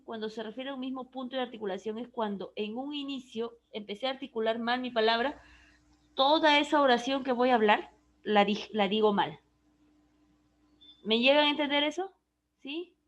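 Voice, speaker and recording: High-voiced woman teaching a class. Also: muffled recording. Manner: explanatory, checks understanding with frequent "¿ya?". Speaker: speech therapy teacher. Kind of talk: online class lecture.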